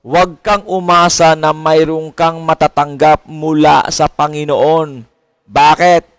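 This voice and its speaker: A middle-aged man delivers a sermon, his voice pitched a little high. He asks the congregation sharp questions and mimics their complaints. The sound is close and dry. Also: flat delivery, slow pace, dry recording. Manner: preaching with rising questions and mimicked complaints, mixing English phrases. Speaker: pastor.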